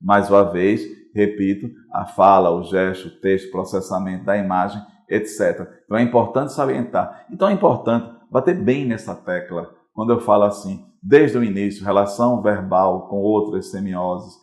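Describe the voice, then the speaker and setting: Low-voiced male teacher, echoey room. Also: normal speed, hardly any pauses, darkish tone. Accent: Brazilian Portuguese. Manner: explanatory, repeats points, checks in with "certo?". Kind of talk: recorded online class.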